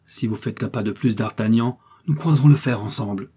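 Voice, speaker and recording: A man's voice: fairly low pitch, brisk, mellow, slightly rough. A man voicing a cold, stern swordsman. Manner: cold, firm pronouncements. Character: cold, stern nobleman swordsman passing judgment.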